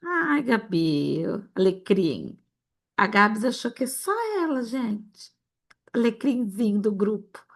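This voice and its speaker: A woman's voice: mid-range voice, lively intonation, takes it slowly. A woman from Brazil teaching an informal Bible lesson to an online group. She talks straight to the group and acts out little dialogues as she goes.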